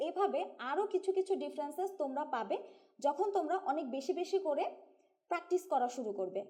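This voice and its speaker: A woman with a Bangladeshi Bengali accent teaches an English grammar lesson. Her voice sits high yet sounds soft and mellow, and she works through each rule patiently, putting questions to her students as she goes. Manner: patient, explains step by step and asks students questions. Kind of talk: classroom-style grammar lesson.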